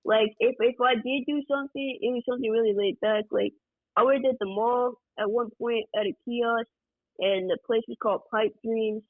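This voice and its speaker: A man from Georgia speaks as a podcast guest in an unhurried, rambling way, leaning on fillers as he explains. His voice arrives over a tinny, phone-like line. There is no room sound around it at all. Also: very high-pitched, no room sound. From Georgia, USA. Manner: relaxed, rambling, many fillers like "like" and "you know". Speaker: guest music producer. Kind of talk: casual interview chat.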